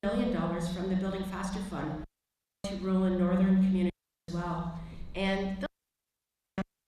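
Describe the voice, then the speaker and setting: At a business gathering in a large, echoey hotel conference room, a female Canadian government official gives an energetic speech without notes, chatting as much as presenting. Travel has left her mid-range voice a touch croaky, and she talks at a normal speed. Heavy echo and faint background noise mark the recording.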